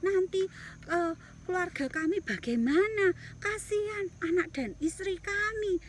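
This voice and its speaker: A woman's voice: very high voice, slight background noise. A woman doing frightened pleading soldiers. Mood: afraid. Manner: fearful, hurried protests. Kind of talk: bedtime story reading.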